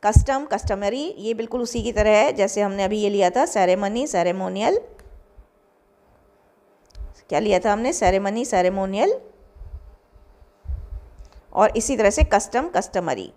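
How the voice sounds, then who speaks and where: A woman's voice: medium pitch, lively intonation, a little slow, pauses often, mellow. A young adult woman with an Indian accent, teaching vocabulary and reading out word pairs with encouraging asides. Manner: reads word pairs aloud, gives Hindi meanings. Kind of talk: vocabulary lecture.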